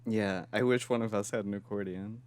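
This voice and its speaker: A man's voice: fairly low pitch, fairly even intonation, a little fast, dry recording. A man co-hosting a podcast in casual chat, rambling and laughing often as he brainstorms. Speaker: podcast co-host.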